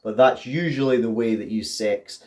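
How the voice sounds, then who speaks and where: A man's voice: mid-range voice, normal speed, darkish tone. Man with a congested, swollen-throat voice. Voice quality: thick, congested voice. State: congested, swollen throat and tonsils from hay fever. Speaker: tarantula keeper and video host. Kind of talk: casual vlog presenting to viewers.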